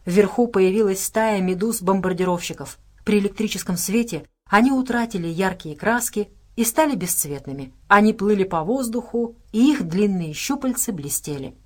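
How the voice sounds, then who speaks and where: A woman narrating an audiobook in an even, measured reading style. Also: medium pitch. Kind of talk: scripted narration.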